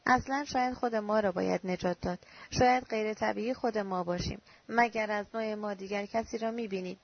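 A woman's voice: medium pitch, steady tone, no room sound, close to an everyday voice. Woman reading as a weary, resigned young woman. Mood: doubtful. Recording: dull lo-fi recording.

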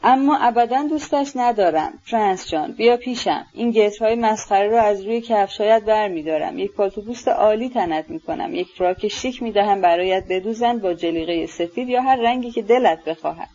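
A woman reading the part of a brooding, rough young merchant who speaks in blunt, passionate outbursts, in an audiobook. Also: medium pitch, few pauses, mellow, highs cut off, close to an everyday voice. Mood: intense.

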